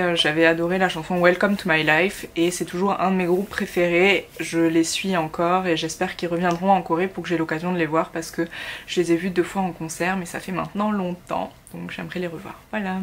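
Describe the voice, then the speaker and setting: A woman's voice: on the low side, slight background noise. A woman in her twenties from France, talking casually to camera for her vlog, chatty, with many fillers and restarts. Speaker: YouTuber. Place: at home in Korea.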